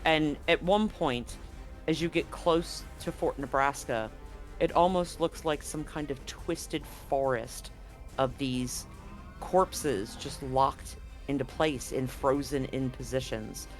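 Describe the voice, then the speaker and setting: Running a tabletop horror game as game master, a man with a mid-range voice sets scenes slowly and deliberately, frequently restarting his sentences. Soft music plays in the background.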